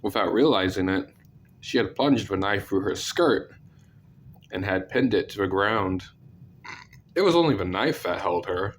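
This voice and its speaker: A man with a congested, sick-sounding voice narrating scary stories, with deadpan, self-deprecating asides. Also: low voice, unhurried, slight background noise. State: sick, clearing throat. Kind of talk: scripted story narration with casual asides.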